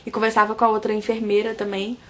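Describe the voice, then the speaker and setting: A young woman with a Brazilian Portuguese accent, earnestly recounting a personal story to her viewers in a soft, casual way with frequent restarts. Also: medium pitch, monotone, fast talker. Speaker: vlogger.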